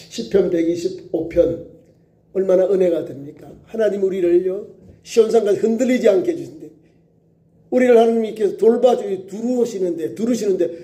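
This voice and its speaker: A man who is a pastor preaching a sermon, exclaiming and acting out prayers with lively emphasis. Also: high-pitched, a little hiss or hum. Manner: sings a hymn before preaching.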